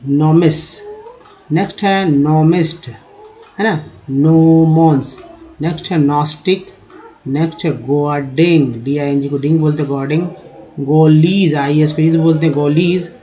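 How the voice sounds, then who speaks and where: Male teacher, fairly high voice, very slow deliberate delivery, spells out word parts before reading them. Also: steady tone, dark tone, rough recording. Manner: sounds out spelling chunks, repeats words slowly.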